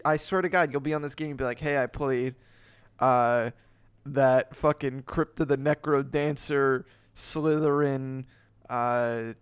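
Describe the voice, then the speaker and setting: A man's voice: on the high side, clear, resonant tone, dry recording. A man hosting a podcast in casual chat, rambling with many restarts and frequent swearing. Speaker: podcast host.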